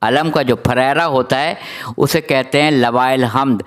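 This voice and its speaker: A man delivering a religious sermon, reciting long lists of titles in a steady rhythm and explaining Arabic terms to his listeners. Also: medium pitch. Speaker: religious speaker.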